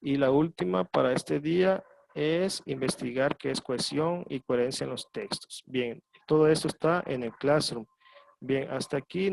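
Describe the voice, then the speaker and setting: A man teaching a high school class online, patiently explaining and repeating key points. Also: creaky, darkish tone.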